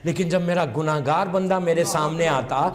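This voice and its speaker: Over crowd noise, a man whose voice is a little high and steady in tone recounts a story from the pulpit of a religious gathering hall, performing its dialogue with rising intensity and now and then shouting. He sprinkles English into his words, and the large room adds a long reverb.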